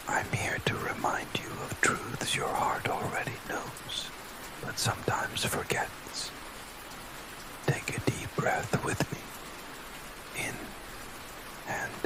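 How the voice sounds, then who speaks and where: Slow, softly whispering man, soothing ASMR. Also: poor audio. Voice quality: soft, breathy spa-like whisper. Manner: gentle, soothing, unhurried guided-relaxation delivery. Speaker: ASMR sleep storyteller. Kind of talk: whispered ASMR affirmations and bedtime storytelling.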